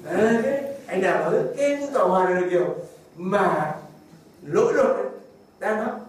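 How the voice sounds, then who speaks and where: High-voiced man preaching in an echoey hall. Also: normal speed. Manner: animated storytelling, chuckles often. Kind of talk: informal sermon with anecdotes. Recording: very echoey room, distant mic, faint noise.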